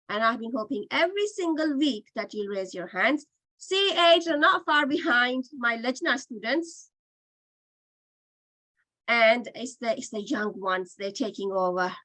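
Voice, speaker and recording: A woman's voice: a little high, bright, forceful tone, no room sound, poor audio. A woman teaching a Qur'an reading class online, patiently explaining and sounding out letters again and again. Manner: patient, demonstrates sounds by repeating them.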